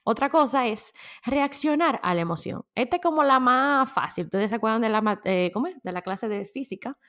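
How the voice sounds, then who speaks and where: A woman hosting a casual solo podcast, chatty and animated, laughing often as she talks. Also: on the high side, a little fast. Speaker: podcast host.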